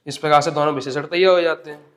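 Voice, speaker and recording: A man's voice: fairly high pitch, fairly even intonation, very fast, fairly bright tone. A man teaching an exam-prep grammar lesson step by step, asking questions and answering them himself.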